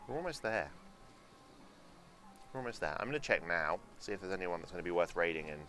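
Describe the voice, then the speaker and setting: A young German-speaking man streams a theme park game from home, rambling sarcastically to his chat and cursing occasionally in casual live-stream commentary. His voice is low and very animated, brisk and sharp, with a faint hiss or hum in the audio.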